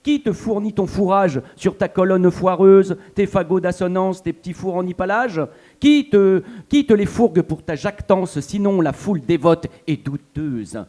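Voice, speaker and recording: A man's voice: high voice, measured pace, warm tone. A man performing a boastful, wordplaying troubadour in a live stage reading, firing off theatrical rhyming taunts. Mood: mocking.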